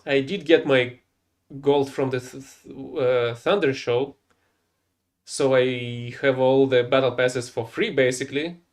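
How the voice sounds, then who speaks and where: A young gameplay streamer, for whom English is a second language, casually commentates his own play, rambling, correcting himself, and sounding mildly exasperated. His voice is medium-pitched and steady, at a measured pace.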